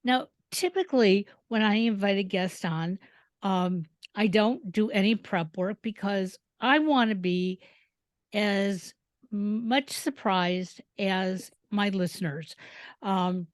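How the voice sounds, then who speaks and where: A woman's voice: mid-range voice, slow pace, dry recording, studio quality. A woman from Detroit hosting a podcast, talking in a loose, conversational way with many fillers. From Detroit, Michigan. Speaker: podcast host. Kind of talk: casual interview chat.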